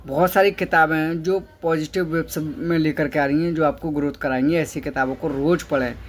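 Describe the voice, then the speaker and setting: In a brisk, fairly high voice with mostly even intonation, a motivational speaker walks his audience through instructions one step at a time. He poses questions and answers them himself, repeating key phrases for emphasis.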